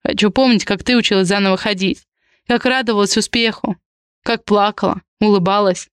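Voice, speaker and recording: A woman's voice: medium pitch, fairly even intonation, a little fast, clean tone, no room sound, clean studio sound, natural voice. A woman voicing a blunt, possessive tough guy. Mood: gruff. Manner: blunt, clipped, slangy lines. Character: tough, possessive young man, blunt and protective.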